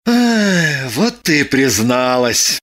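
Woman doing a suspicious excitable man, agitated, animated pitch, unhurried. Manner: exclaiming, agitated. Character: excitable, suspicious young-ish man, her lover.

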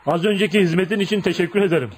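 Very fast and pitched high, this man's natural voice carries a little hiss or hum. He acts in a Turkish radio drama as a feared, unattractive tough man who is kind underneath, earnest and friendly in mood, and he probes bluntly in a folksy style, often adding "ha?".

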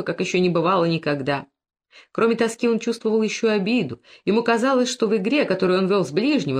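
A woman reading classic literary prose as an audiobook, in a measured narration. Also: medium pitch, a little mellow. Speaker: audiobook reader.

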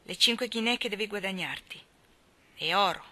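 A woman reading the lines of a dry, scornful old rich Englishman in a slow, measured, disdainful way. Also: mid-range voice, bright, forceful tone, lightly acted. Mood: cold, scornful.

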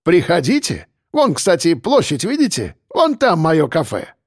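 A man's voice: on the high side, huge pitch swings, a little slow, husky, dry recording, studio quality, full character voice. A man voicing a cheerful, talkative middle-aged cafe owner with a light Caucasus accent in an audiobook. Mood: friendly, hospitable. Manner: warm, chatty, unflappable, calls people dear. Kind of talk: audiobook character voice.

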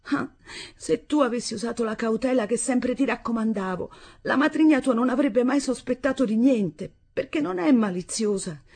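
A timid young woman frets and reproaches in a raised, husky voice, as a woman reader puts her on. Her pleading is anxious rather than angry. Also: fairly high pitch, lively intonation, normal speed, darkish tone, voice pushed up. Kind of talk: literary audiobook reading.

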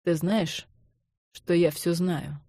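A tearful young woman who pleads and cries out in desperation, as a woman reads her in an audiobook. Her voice is mellow and on the low side. The sound is dry and close. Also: steady tone, slow pace, dry recording. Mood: quiet. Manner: soft voice breaking into pleading cries.

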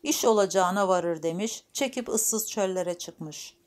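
A calm former preacher in a storybook, as a woman narrator plays him. He reasons rather than pleads and speaks in a reflective, musing way. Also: mid-range voice, a little slow, natural voice.

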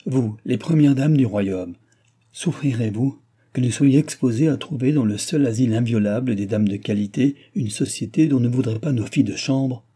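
A proud, indignant noble duchess, as a man voices her in an audiobook. The reading stays low and husky, with a very dark tone under the outrage. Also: moderate pace. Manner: outraged, pleading.

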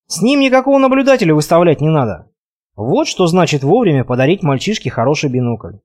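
A man narrating a first-person adventure audiobook in an expressive, conversational way. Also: a little high, fast talker.

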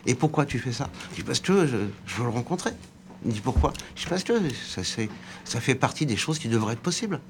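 Older man telling a lively story. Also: medium pitch, quick pace, slight background noise. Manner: lively storytelling, acting out quoted dialogue. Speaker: guest, former bookseller. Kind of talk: radio interview anecdote.

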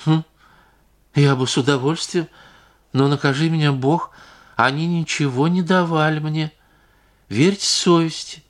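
A man's voice: a little high, steady tone, unhurried, pauses often, voice pushed up, lightly acted. A sulky young singer in a storybook reading, lifting her voice a little to deflect blame, as a male narrator puts her on. She sounds defensive and put out, never openly hostile. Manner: defensive and whining. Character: evasive young woman, a kept singer. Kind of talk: audiobook character reading.

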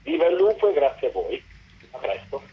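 Loud music plays behind a man with a medium-pitched, sing-song, brisk voice as he describes his documentary work at length on the radio. Being interviewed as the film's co-director, he uses long, articulate sentences, and the line is dull and lo-fi, like a phone.

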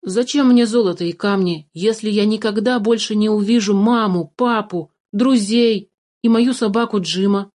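A woman's voice: medium pitch, moderate pace, a little mellow, close to an everyday voice. A woman voicing a polite, honest young boy in a storybook reading, earnest and courteous.

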